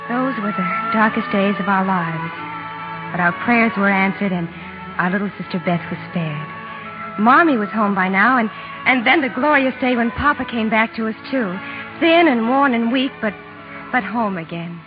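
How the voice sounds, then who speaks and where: An actress in a 1940s radio drama playing a gentle, proper young eldest sister, romantic but proud. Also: female voice, mid-range voice, lively intonation, normal speed, lightly acted. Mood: wistful narration. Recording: old lo-fi radio recording, music behind.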